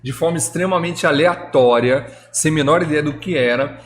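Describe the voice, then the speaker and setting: A middle-aged man co-hosting a podcast, chatting casually and making animated, jokey remarks. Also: on the high side, moderate pace. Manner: animated, jokey, emphatic outbursts. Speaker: podcast co-host. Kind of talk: casual chat.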